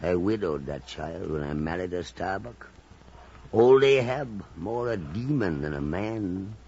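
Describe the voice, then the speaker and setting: An actor playing a weary, obsessed old whaling captain in a theatrical, halting old time radio drama style. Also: male voice, low-pitched, animated, darkish tone, breathy edge, heavily acted. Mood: weary, brooding. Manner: theatrical, halting, repeating phrases. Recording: muffled, noisy old radio drama recording.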